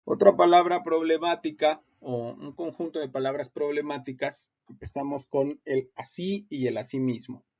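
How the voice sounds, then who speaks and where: A man explains spelling rules for court documents in a patient lecture. His fairly high voice carries a gravelly edge. The sound is muffled and lo-fi. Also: fairly even intonation, normal speed, few pauses, darkish tone. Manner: patient, repeats points with many hesitations. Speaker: teacher. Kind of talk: explanatory lecture on legal writing. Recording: muffled lo-fi audio.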